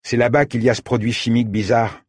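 A man voicing a sharp-tongued, guarded teenage girl who speaks bluntly and dismissively. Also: mid-range voice, little pitch movement, fast, slightly rough, dry recording, studio quality, pitched above the performer's own voice, natural voice.

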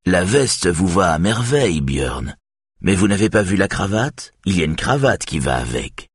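A man voicing a sly, capricious older male former TV host with a raspy, mocking way of talking. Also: low-pitched, big pitch swings, moderate pace, dry recording, clean studio sound, full character voice. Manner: taunting, mocking.

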